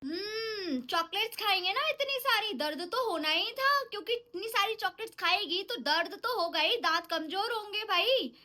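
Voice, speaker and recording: A woman with a very high, bright, sharp voice plays the mother in a scripted family vlog skit. She scolds and lectures her child and turns to speak to the viewers. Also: expressive, moderate pace, hardly any pauses. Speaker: mother and vlogger.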